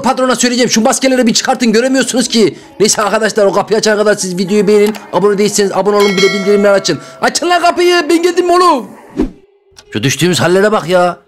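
Excitable guy doing comic roblox role-play, high pitched, talks super fast, grumbly and shouty. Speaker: gaming YouTuber.

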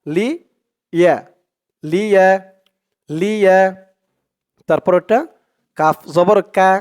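High-voiced man drilling syllables patiently. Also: darkish tone. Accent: Bangladeshi Bengali. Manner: patient, repeats each syllable many times. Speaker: Quran reading teacher. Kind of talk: slow step-by-step lesson.

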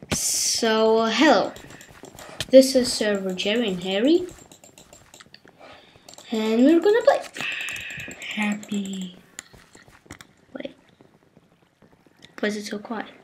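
A woman giving casual gameplay commentary on a headset, excitable and exclaiming, with non-native phrasing. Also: mid-range voice, very slow, pauses often, a little hiss or hum. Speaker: gamer playing on a server.

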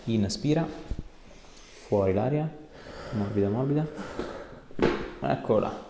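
In a small indoor treatment room, a chiropractor in his thirties talks a patient through treatment in a casual, reassuring way. His medium-pitched voice is a little slow. The room is echoey, with background noise and clicks.

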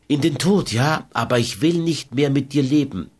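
A defiant young woman voiced by a man reading aloud who meets every plea with icy resolve. The voice sits clearly higher than the reader's own, firm and unbending. She sounds like someone who has made up her mind for good. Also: moderate pace, a little mellow, close to an everyday voice. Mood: cold defiant. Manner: cold, resolute, unyielding. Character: proud defiant young Romani woman, fatalistic. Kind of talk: audiobook character voice.

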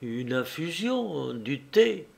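A hushed, faltering young woman, as a male reader puts her on in a storybook reading. She speaks softly and hesitates, her voice pitched a little above the reader's own. She sounds frightened and in pain. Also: a little slow, creaky. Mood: hesitant.

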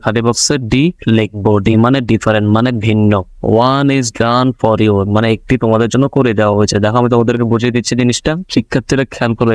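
A man's voice: mid-range voice, no echo. A man with a Bangladeshi Bengali accent teaching young pupils in an online video lesson, patiently asking questions and answering them himself. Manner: patient, repetitive, asks and answers his own questions.

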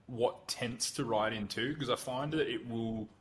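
A man's voice: mid-range voice, a little slow, a bit bright, slight background noise. A man who calls himself blunt, a guest on a podcast, chatting casually about marketing and acting out sample prompts in a conversational way. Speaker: guest, Google Ads consultant.

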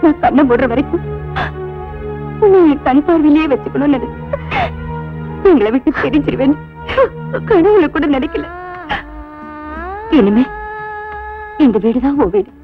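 A woman's voice: high voice, animated, moderate pace, long pauses. A middle-aged woman playing a caring motherly figure who reassures and hands over a young bride, tender in manner. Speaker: bride's relative. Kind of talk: dubbed film drama. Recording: tinny phone-like dub over loud film music.

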